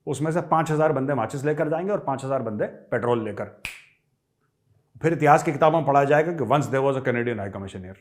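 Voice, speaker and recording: A man's voice: medium pitch, lively intonation, brisk. A man giving fiery, taunting political commentary straight to his viewers, addressing them as friends.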